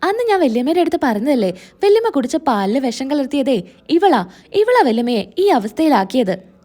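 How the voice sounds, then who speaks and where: A woman's voice: high voice, big pitch swings, normal speed, mellow. A woman voicing a scheming, jealous young niece who sneers and complains. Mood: scornful.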